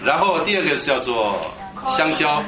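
A man preaching a lively Bible teaching sermon, quizzing his congregation and drilling them on Greek words. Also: on the high side, normal speed. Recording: echoey hall with background noise.

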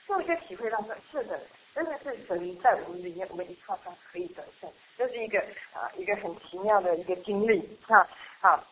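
A middle-aged woman sharing a personal church testimony in a chatty, halting way, with frequent laughs and restarts. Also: mid-range voice, lively intonation, a bit bright, a little hiss or hum, poor audio. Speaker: church member giving a testimony. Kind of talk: casual spoken testimony.

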